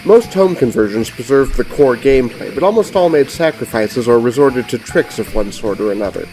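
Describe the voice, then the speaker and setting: A middle-aged man, giving scripted, measured and precise review narration as host of a retro gaming show. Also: medium pitch, lively intonation, mellow, soft background music, poor audio.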